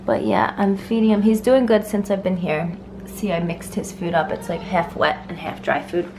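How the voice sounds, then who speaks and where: A woman's voice: on the low side, fairly even intonation, normal speed, background noise. A young woman vlogging casually into a handheld camera, chatty and talking to her pets. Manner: chatty, talks sweetly to her cats. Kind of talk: casual vlog chat. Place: home kitchen and rooftop. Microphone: handheld camera at arm's length.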